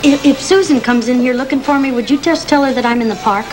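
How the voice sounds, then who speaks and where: A woman's voice: high-pitched, fast talker, background noise. A starstruck young woman in a 1970s TV sketch comedy. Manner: starstruck, shrieking.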